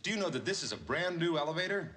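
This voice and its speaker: Officious manager, animated, sharp-toned, formal. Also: male voice, on the high side, rapid-fire. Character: pompous, formal male property manager. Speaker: building manager.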